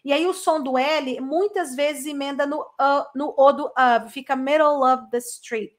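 A woman teaching English in a live online lesson, chatting energetically and then saying model phrases slowly for students to repeat. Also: high voice, fairly even intonation.

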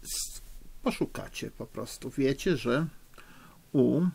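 Middle-aged man, patient schoolteacher reading to kids, husky. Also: mid-range voice, expressive, darkish tone. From Poland. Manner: slow, patient, encouraging, spells out spelling rules. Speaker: teacher. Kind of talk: recorded remote lesson for children. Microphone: recording for a lesson video.

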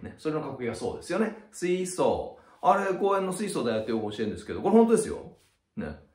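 A middle-aged man teaching vocabulary in a chatty, playful way, acting out little sound effects. His pitch swings widely as he talks. The sound bounces around an echoey room. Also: wildly swooping pitch, very fast, a little mellow. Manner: chatty, ends phrases with a tag "ne", acts out sound effects. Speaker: cram school head teacher. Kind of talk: explaining vocabulary to students.

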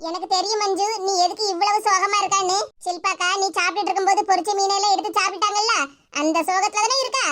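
A woman voicing a cheeky, teasing young sister-in-law in an animated cartoon comedy, speaking with a Kanyakumari Tamil accent. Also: very high-pitched, fast, noisy background.

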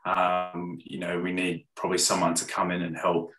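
A man in his thirties, a gym owner, answering interview questions on a video call with steady talk and many ums. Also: sits low, normal speed, echoey room, rough recording. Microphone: video call webcam.

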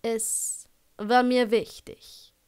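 A woman voicing a curt, sardonic middle-aged male potions master, slow and clipped in a fan-fiction audiobook. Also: on the high side, flat delivery, smooth.

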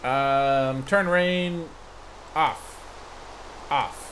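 A man's voice: mid-range voice, very slow, fairly bright tone, slight background noise. A young man doing sarcastic let's play commentary, joking with the creatures in the game. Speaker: gaming commentator.

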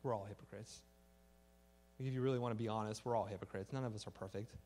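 A pastor giving a conversational sermon, acting out everyday exchanges and ending in prayer. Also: male voice, on the low side, fairly even intonation, quick pace, a little mellow. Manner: conversational, acts out little dialogues, fillers like "like"; earnest prayer to close.

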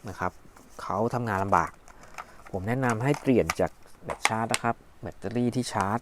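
A product reviewer with a lowish male voice speaks briskly over a noisy background, casually demonstrating a thermometer at home. He thinks aloud and narrates each button press, recorded indoors on a phone camera.

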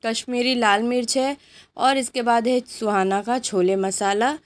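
A woman's voice: a little high, fairly even intonation. A woman hosting her cooking channel, chatting unhurriedly through a grocery haul while filming at home on a handheld phone. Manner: chatty, unhurried listing of items. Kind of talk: grocery haul show-and-tell. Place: indoors at home, items on a patterned rug.

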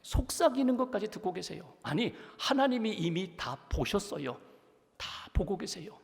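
A man's voice: high voice, sing-song, normal speed, creaky. A male pastor preaching a sermon in a church, speaking emphatically and asking the congregation rhetorical questions. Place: church sanctuary. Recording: long church reverb.

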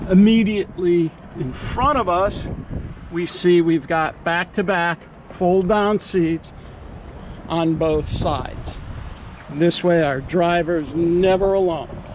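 Man, higher voice, unhurried sales pitch for a boat tour, outdoors with clear background noise. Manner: upbeat salesman pitch, pointing out features. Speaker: yacht broker giving a boat tour. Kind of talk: walkthrough tour narration.

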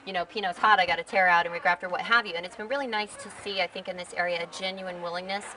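A woman's voice: fairly low pitch, steady tone, very fast, pushed and bright, far from the mic, low-quality recording. A woman interviewer speaking in an enthusiastic, talkative way. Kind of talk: casual interview. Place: outdoors at a winery.

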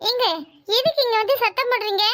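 A brisk cartoon nurse speaks in a businesslike, stern manner with a southern Tamil Nadu accent. Her voice is extremely high and thin. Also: a bit bright. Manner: businesslike, curt.

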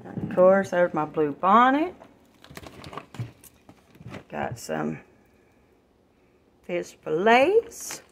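With a creaky, lowish voice, this older woman talks very slowly and pauses often while unpacking her grocery haul for viewers she calls y'all. It's a relaxed, homely kitchen vlog shot on a phone, with a slight hiss or hum.

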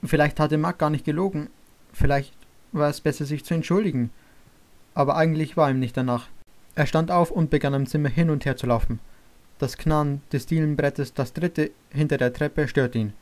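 A man's voice: a little high, normal speed, darkish tone. Man reading an audiobook aloud. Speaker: audiobook reader. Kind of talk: scripted narration.

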